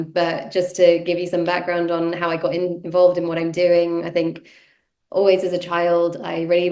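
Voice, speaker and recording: Sniffly with a cold, an activist from North Yorkshire, England, gives a relaxed personal talk as a guest speaker, filling it with lots of "um" and "yeah". She has a lowish, slightly mellow voice with vocal fry, and the room sounds echoey.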